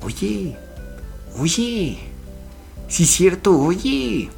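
A man voicing a flustered teenage girl who stammers and rushes her questions. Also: high voice, very animated, creaky, a little mellow, faint music behind, voice pushed up, exaggerated voice. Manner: stammering, breathless rush of questions.

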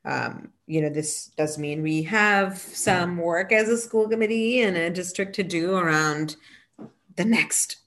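A woman with a low voice walks through updates in a casual civic discussion. She keeps a steady, conversational pace, filling pauses with "um" and "you know". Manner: laughs and jokes about being tired. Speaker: mayor, co-host.

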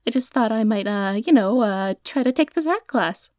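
In an audio drama, an actress plays an awkward, earnest young woman with magic who records herself, flustered, rambling and hesitant and stammering when flustered. Her voice is on the high side, animated, a little mellow, and natural at normal speed. The audio is studio quality with no echo.

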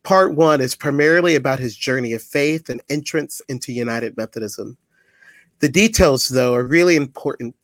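A man's voice: mid-range voice, no room sound. A man hosting a podcast, friendly and upbeat as he introduces and questions his guest. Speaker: podcast host.

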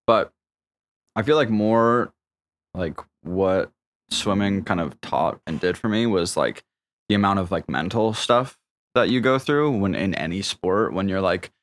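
A man's voice: deep voice, fairly bright tone. A young man co-hosting a podcast in casual chat, rambling with lots of fillers and swearing. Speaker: podcast co-host.

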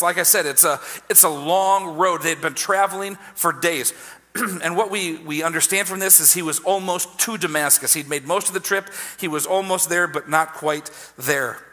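Guy preaching, kinda high voice, chatty, keeps repeating himself, big echoey church reverb. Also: sharp tone. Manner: conversational preaching with repeated phrases. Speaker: pastor. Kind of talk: sermon. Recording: long hall reverb.

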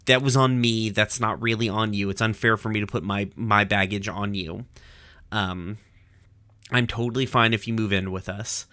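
A man's voice: fairly low pitch, fairly even intonation, moderate pace, pushed and bright, no echo. A man voicing a weary, guarded female alien who sincerely owns up to her baggage. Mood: apologetic.

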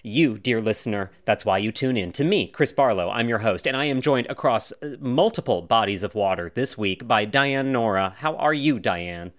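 Animated joking male podcast host. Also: mid-range voice, normal speed, few pauses. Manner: jokey, animated, rambling asides. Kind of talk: casual podcast chat. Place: cabin in the woods.

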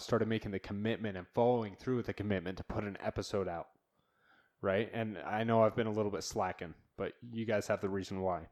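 A man's voice: lowish voice, darkish tone. Rambling, cussing male podcast host. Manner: rambling, swears freely, blunt. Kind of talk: solo podcast rant. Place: new home studio.

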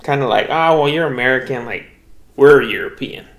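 A man's voice: mid-range voice, normal speed, fairly bright tone. A young man co-hosting a podcast, telling loose, profane travel stories in casual chat and acting out the people he quotes. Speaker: podcast co-host. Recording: echoey room.

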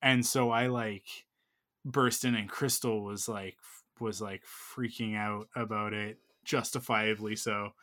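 A man's voice: fairly low pitch, steady tone, a little slow, pushed and bright. A man in his thirties telling a long personal story in casual chat, full of fillers and restarts. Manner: rambling, filler-heavy storytelling.

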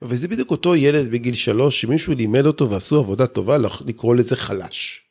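A man's voice: medium pitch, gravelly, a little mellow, slightly rough. A man, a group therapist and guest, explaining things thoughtfully in conversation and often restarting his sentences.

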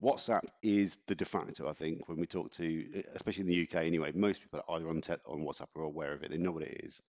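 A man's voice: low-pitched, fairly even intonation, quick pace, a little mellow, muffled recording. A man co-hosting a casual chat podcast, talking in a chatty, ranting way and laughing often. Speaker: podcast co-host.

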